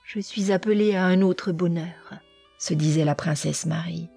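A gentle young princess, as a woman reader puts her on, soft-spoken and earnest, with a mellow, slightly husky tone. Quiet and sincere, as in a read-aloud novel. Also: on the low side, moderate pace, faint music behind. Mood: musing. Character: gentle, devout young princess, sad and resolute. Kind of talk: audiobook character reading.

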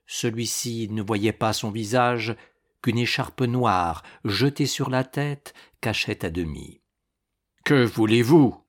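Slow measured male audiobook narrator. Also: fairly low pitch, fairly bright tone. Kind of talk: audiobook reading.

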